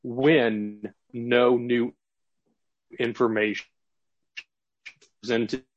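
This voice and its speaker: A man arguing before a court as a government attorney, his audio cutting out over a remote connection, speaking haltingly with fillers and restarts. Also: medium pitch, little pitch movement, a little hiss or hum. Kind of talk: appellate oral argument. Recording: dull lo-fi remote line.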